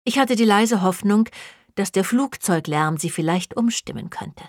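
A woman narrating a first-person audiobook in a wry, even storytelling manner. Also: mid-range voice, moderate pace, dry recording, studio quality.

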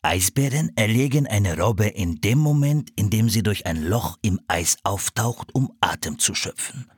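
A man voicing a kindly, calm seal hunter in a storybook reading, explaining slowly and patiently. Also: lowish voice, husky, no echo, clean studio sound. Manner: slow, measured, patient explaining.

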